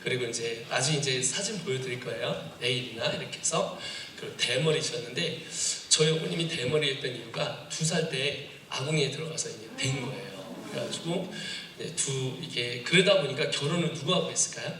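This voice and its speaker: A man's voice: mid-range voice, a little fast, few pauses, fairly bright tone. A man with a Chungcheong accent, a guest missionary giving a humorous, playful talk in church, bantering with the crowd. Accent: Chungcheong dialect. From South Chungcheong, Korea. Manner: joking, playful crowd banter mixing English. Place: church sanctuary. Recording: echoey room, distant mic, noisy.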